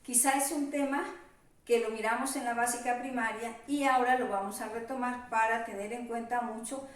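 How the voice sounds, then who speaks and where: A woman teacher giving a virtual class, spelling out examples slowly and carefully. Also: on the high side, steady tone, far from the mic. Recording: echoey room, voice off-mic.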